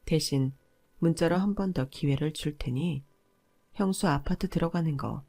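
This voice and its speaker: Calm, firm woman narrating a story. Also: sits low, normal speed. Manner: calm, firm, matter-of-fact.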